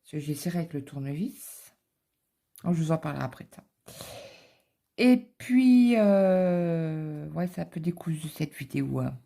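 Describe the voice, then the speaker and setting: Gravelly low-voiced woman rambling. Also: measured pace, long pauses, mellow. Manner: rambling anecdotal storytelling with many fillers. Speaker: cross-stitch vlogger. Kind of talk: casual chat while stitching. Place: home office.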